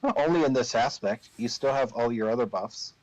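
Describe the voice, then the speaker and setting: A man narrating a tabletop game as game master, improvising the story in a deliberate, pausing way. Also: medium pitch, darkish tone, dry recording, poor audio.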